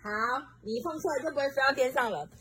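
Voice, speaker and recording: A woman reading a children's storybook aloud at home to a child, very expressive and stopping to chat with the child. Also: high voice, fast talker, breathy edge. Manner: expressive, swoops up for excitement, chats with the child.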